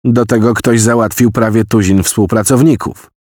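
Low-voiced male audiobook narrator. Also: fairly even intonation, normal speed, a little mellow, dry recording, studio quality. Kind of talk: scripted narration.

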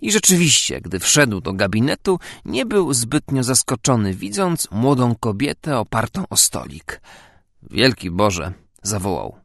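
A male audiobook narrator reading in a measured, expressive way. His voice is gravelly and moves freely in pitch. The recording is dry and close to the mic. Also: no room sound. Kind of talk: scripted narration.

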